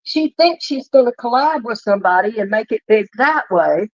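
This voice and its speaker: A woman's voice: a little high, expressive, normal speed, no room sound. A woman co-hosting a livestream in casual gossip commentary, snarky and teasing, laughing at her own jokes. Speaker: livestream co-host. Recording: dull dry lo-fi stream audio.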